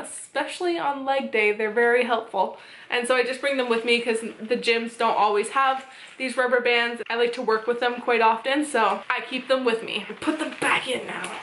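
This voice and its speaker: A young woman in her twenties vlogs from a small bedroom, talking casually and cheerfully to the camera. Her voice sits a touch high and sounds bright and sharp. The room gives a noticeable echo. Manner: chatty, upbeat, showing items one by one. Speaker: fitness vlogger. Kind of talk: casual chat.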